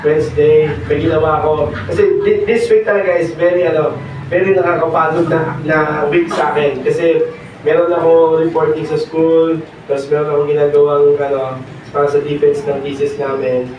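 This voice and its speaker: A hoarse young man preaching a sermon, mixing in English and pausing on fillers. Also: a little high, little pitch movement, darkish tone, slight background noise. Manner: mixes Tagalog and English, pauses with fillers. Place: church hall. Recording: echoey hall, distant dull mic.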